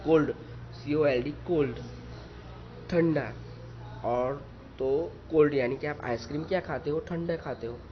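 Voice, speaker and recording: A man walks through an English lesson at a very slow pace, spelling each word out letter by letter and repeating it. His voice sits at an ordinary pitch. The recording is dull and lo-fi, with a faint hiss underneath. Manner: spells words letter by letter, repeats, explains in Hindi. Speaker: English teacher.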